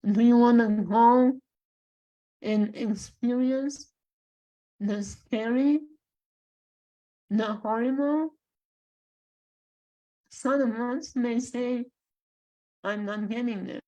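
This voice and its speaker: A woman from Bulgaria with a Bulgarian accent, a guest speaking in a measured, halting way with long pauses. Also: on the high side, dark tone, lo-fi sound. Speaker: guest, life coach and spiritual guide. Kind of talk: slow reflective interview talk.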